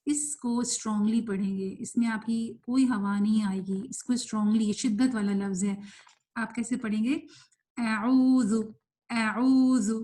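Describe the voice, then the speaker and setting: A woman teaching Quran recitation in an online class, explaining quickly and mixing in English words, then reciting words slowly and stretched out. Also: mid-range voice, fairly even intonation, dark tone. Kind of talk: online tajweed lesson, live class.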